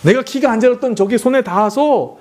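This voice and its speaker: A man's voice: a little fast, a little mellow. A man preaching a sermon as pastor, earnest, acting out family scenes as he makes his points. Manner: earnest, acts out family scenes with sweeping pitch swings. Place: church sanctuary.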